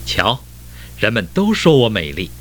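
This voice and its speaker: A man voicing a vain, boastful rainbow that shouts back arrogantly in a children's story. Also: lowish voice, huge pitch swings, a little slow, a little hiss or hum, heavily acted.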